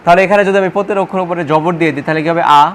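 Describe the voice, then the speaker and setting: A man's voice: sits high, fairly even intonation, very fast. Man, patient lesson voice, reciting letters one by one, light background hiss. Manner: patient, repeats questions and answers them himself. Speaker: Quran reading teacher. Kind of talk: step-by-step spoken lesson.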